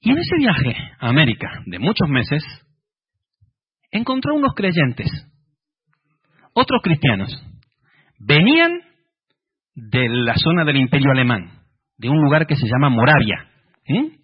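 A husky man delivers a sermon, his pitch sitting a little high and swinging widely. He preaches with animation and acts out the prayers he quotes. The recording sounds muffled and lo-fi. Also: very animated, a little slow, pauses often.

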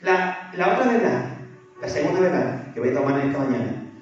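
A man's voice: on the high side, very animated, brisk. A man preaching a sermon, asking the congregation rhetorical questions. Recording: echoey, distant, dull church sound with faint music.

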